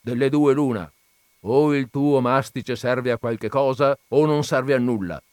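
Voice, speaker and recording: A man voicing an irascible rich old landowner who bursts out in loud, indignant, high-pitched complaints. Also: unhurried, no room sound, studio quality, natural voice. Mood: shouting angrily.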